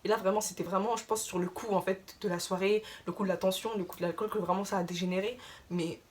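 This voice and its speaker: A young woman tells a story straight to her viewers in a casual, animated way. She talks very fast and keeps tossing in filler tags. Her voice sits at an ordinary middle pitch. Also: a little hiss or hum. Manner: chatty, animated retelling full of filler tags. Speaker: vlogger.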